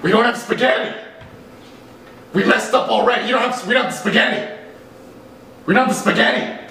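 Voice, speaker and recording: Young man, mocking sketch host, high gravelly voice, roomy noisy kitchen sound. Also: brisk, distant mic. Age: young adult. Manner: rambling, mocking, deadpan insults. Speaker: comedy cooking host. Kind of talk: absurd sketch comedy. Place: home kitchen indoors. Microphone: camera mic. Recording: roomy, noisy home video audio.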